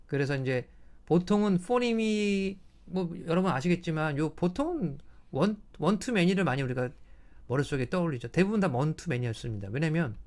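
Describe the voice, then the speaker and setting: A man's voice: medium pitch, a little mellow. A middle-aged man giving a recorded linguistics lecture, explaining step by step and often checking with students. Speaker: English linguistics professor.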